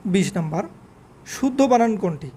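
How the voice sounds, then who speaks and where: Female teacher, warm and mellow tone, drills spelling by repeating words and spelling them out slowly. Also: medium pitch, expressive, slightly rough. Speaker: English vocabulary teacher. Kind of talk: spelling quiz lesson.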